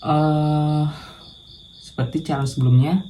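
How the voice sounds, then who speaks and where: A man's voice: on the high side, little pitch movement, slow, mellow, a little hiss or hum, poor audio. A man talking to camera in a casual practice monologue, hesitant and thinking aloud with self-corrections, with crickets chirping behind. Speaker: vlogger doing a speaking challenge.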